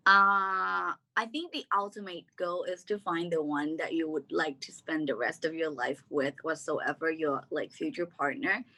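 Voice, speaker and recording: A woman's voice: low voice, moderate pace, hardly any pauses, sharp tone. A young woman from Thailand, a guest on a casual podcast, laughing often and using many fillers. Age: young adult.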